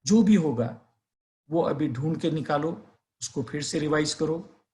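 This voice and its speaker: A teacher whose voice is fairly high yet darkish in tone takes his time as he narrates a suspenseful story. Afterward he earnestly encourages the students to revise, combining a story with motivational advice.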